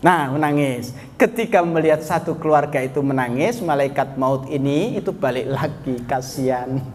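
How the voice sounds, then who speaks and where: A man's voice: mid-range voice, normal speed. Guy preaching to a study group, chatty, keeps asking the crowd stuff, slight hiss in the background. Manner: chatty, asks the audience questions and addresses them as sir. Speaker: Islamic preacher. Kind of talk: storytelling sermon to a study group. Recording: long hall reverb, faint background noise.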